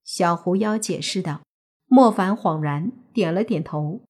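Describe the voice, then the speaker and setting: Woman audiobook narrator, husky, lower pitch, steady storytelling. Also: a little slow. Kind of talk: serialized novel narration.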